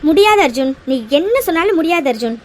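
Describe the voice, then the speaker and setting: A woman's voice: extremely high pitch, expressive, quick pace, soft background music. A woman voicing an anxious, tearful middle-aged mother in a cartoon drama, pleading with her son. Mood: upset. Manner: pleading, emotional. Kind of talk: cartoon voice acting.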